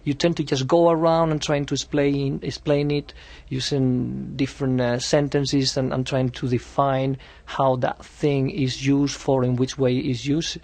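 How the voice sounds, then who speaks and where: Gravelly-voiced Spanish-accented man. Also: mid-range voice, flat delivery, unhurried, darkish tone, no echo. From Spain. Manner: searching for words, hesitant. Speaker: learner interviewee.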